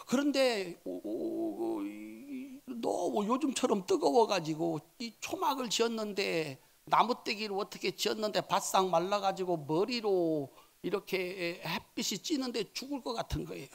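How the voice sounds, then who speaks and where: A man preaching as senior pastor, telling a Bible story dramatically, swinging between soft asides and loud exclamations. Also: high-pitched, sing-song, a little slow, vocal fry, few pauses. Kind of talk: sermon.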